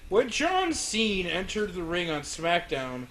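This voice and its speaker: Slow, lively wisecracking man. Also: sits high, slight background noise. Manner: wisecracking, reads jokey questions. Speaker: podcast co-host. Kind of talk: casual wrestling chat.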